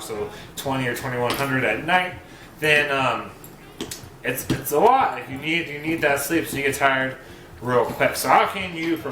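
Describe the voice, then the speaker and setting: A man's voice: medium pitch, bright, forceful tone. Casual joking man in an echoey room. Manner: rambling, joking, conversational. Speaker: vlogger giving boot camp advice. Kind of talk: casual advice talk. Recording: roomy echo, faint hiss.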